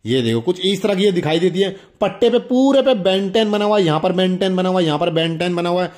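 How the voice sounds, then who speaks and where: This is an expressive young man with a high, slightly mellow voice and a fairly quick pace. He chats casually with viewers as a toy reviewer, exclaiming eagerly and going over his points again while demonstrating.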